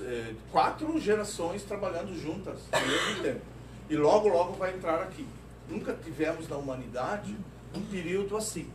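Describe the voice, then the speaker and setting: A middle-aged man giving a lively company talk, telling stories and tossing in tag questions, recorded from a distance in a large room. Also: a little high, a little hiss or hum. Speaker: lecturer. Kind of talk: corporate safety-week talk. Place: company auditorium. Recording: roomy, distant lecture recording.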